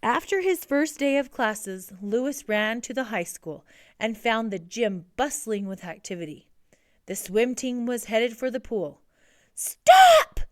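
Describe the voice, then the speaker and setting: Woman, storybook narrator, higher voice, dry close mic. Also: unhurried, dry recording. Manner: steady storybook reading. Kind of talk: reading a picture book aloud.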